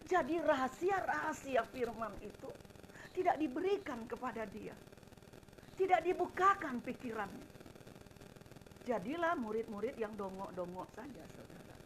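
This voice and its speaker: An evangelist preacher, a middle-aged woman, delivers a fervent sermon straight to her congregation, moving from loud, emphatic lines to soft asides. Her voice is high, and the poor-quality audio carries a faint hiss or hum.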